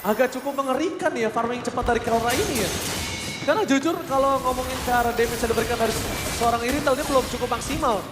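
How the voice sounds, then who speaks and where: Indonesian man as excitable esports caster, very high-pitched, dramatic drawn-out calls, music behind. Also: reverberant. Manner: dramatic calls with drawn-out words and English gaming terms.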